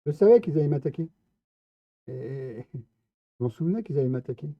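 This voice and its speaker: A man's voice: medium pitch, expressive, fairly quick, dry recording. A man giving casual gameplay commentary, chatty and playful, talking straight to his viewers. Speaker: streamer. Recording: tinny phone-like, dry sound.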